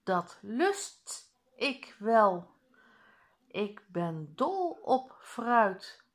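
A woman reading aloud, voicing a friendly female teacher who is getting over the flu, slow and lively. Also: mid-range voice, pitched above the performer's own voice, exaggerated voice. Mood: warm. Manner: friendly and welcoming.

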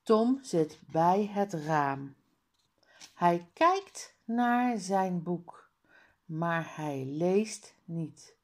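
A woman reading a children's early-reader book aloud at a very slow pace, sounding out every word with exaggerated care. Her pitch swings widely from word to word, giving the reading a lively, sing-song lift.

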